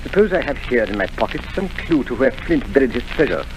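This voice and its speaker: A man voicing a shrewd, dry-witted country doctor in an old radio play. He speaks deliberately, yet his pitch rises and falls with lively emphasis, and faint music plays behind him. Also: natural voice, poor audio. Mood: measured. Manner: measured, deliberate. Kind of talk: 1930s radio drama acting.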